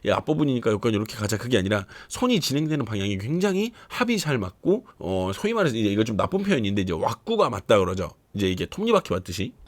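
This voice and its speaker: A man in his thirties talks viewers through dance performances in a casual, explanatory way. His voice sits slightly low and he speaks at a brisk clip. He addresses the audience directly, like a trainer breaking down moves. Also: very animated, no room sound. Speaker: dance trainer reviewing a show. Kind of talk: casual video commentary.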